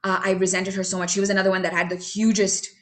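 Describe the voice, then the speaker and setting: Woman, recovery meeting share, chatty and candid, self-mocking, filler-heavy, mid-pitched voice. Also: flat delivery, quick pace. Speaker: member sharing at a recovery meeting. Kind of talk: personal recovery testimony.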